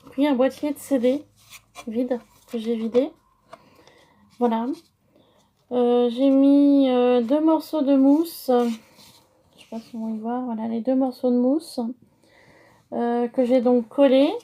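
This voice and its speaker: A woman's voice: high voice, steady tone, slow, pauses often, dark tone. A woman with a French accent explaining a paper-crafting project step by step, hesitant with many fillers. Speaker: crafting tutorial host. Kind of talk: casual craft tutorial.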